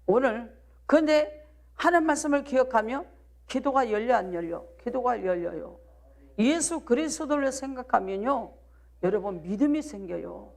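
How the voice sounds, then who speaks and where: A fairly high-pitched, creaky female voice belongs to a pastor from South Jeolla, Korea. In her Jeolla accent she preaches a live midweek sermon, pressing the congregation with rhetorical questions and calls of "do you believe?"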